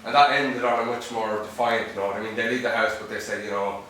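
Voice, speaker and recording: A man's voice: lowish voice, fairly even intonation, fairly quick, fairly bright tone, a little hiss or hum. Man asking a rambling question. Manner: rambling, filler-heavy, earnest. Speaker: audience member asking a question. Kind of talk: audience question at a Q&A. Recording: echoey hall, distant mic.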